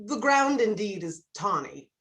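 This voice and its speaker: Woman acting a lively, mocking courtly schemer. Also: mid-range voice, unhurried. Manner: flippant, quipping, mocking. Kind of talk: Shakespearean stage drama performance.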